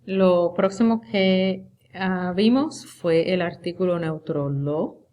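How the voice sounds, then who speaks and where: A woman teaching Spanish, reviewing a unit for an exam. She speaks slowly and deliberately and draws out the example words. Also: on the low side, dark tone. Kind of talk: recorded lecture review.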